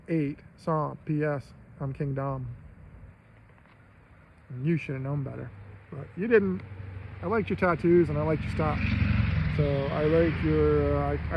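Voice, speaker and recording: An American man from Maine rambling casually to his livestream viewers, halting, digressive and given to swearing. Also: medium pitch, vocal fry. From Maine, United States. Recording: dull lo-fi audio, faint vehicle-like noise.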